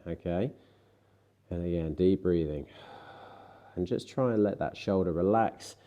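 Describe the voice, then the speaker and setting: Guiding a stretching class, this deep-voiced fitness instructor sounds congested and slightly nasal because of a cold. His coaching stays calm, broken up by light jokes at his own expense.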